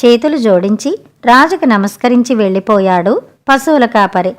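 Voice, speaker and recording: A woman's voice: on the high side, expressive, moderate pace. Woman narrating a folk tale. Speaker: storyteller.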